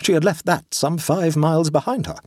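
A man's voice: on the high side, moderate pace, dry recording, pitched above the performer's own voice, natural voice. A man voicing a dry clubman who tells an absurd tall tale with a straight face. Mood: deadpan. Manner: cool, deadpan, with dramatic emphasis.

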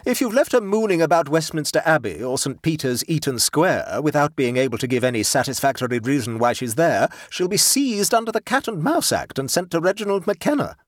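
A man's voice: fairly high pitch, sing-song, fairly quick, hardly any pauses, dry recording, clean studio sound, pitched above the performer's own voice. A man voicing a stern, vigorous old dowager who reproves her sister in a clipped manner. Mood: reproving. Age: older.

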